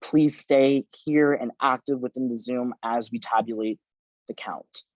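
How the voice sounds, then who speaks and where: A man's voice: medium pitch, fairly even intonation, no echo. Man chairing a video-call meeting. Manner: measured, procedural announcements. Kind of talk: formal meeting procedure. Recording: dull lo-fi video call audio.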